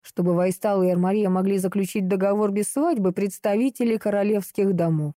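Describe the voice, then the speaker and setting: Lady reading a serious young mage guy, calm steady talk, super mellow voice. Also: mid-range voice, brisk, dry recording, studio quality, close to an everyday voice. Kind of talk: audiobook character reading.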